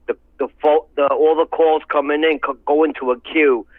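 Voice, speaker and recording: A man's voice: on the high side, steady tone, normal speed, no echo. A man calling in to a talk show over the phone, with a strained, strangled-sounding voice, chatting casually. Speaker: caller to an MMA talk show. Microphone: phone line. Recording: muffled phone-like call.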